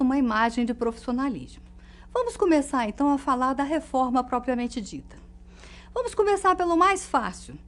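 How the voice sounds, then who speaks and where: A woman with a high, bright voice gives a recorded lesson. She explains in a clear, didactic way and slows down to stress each example word. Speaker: teacher.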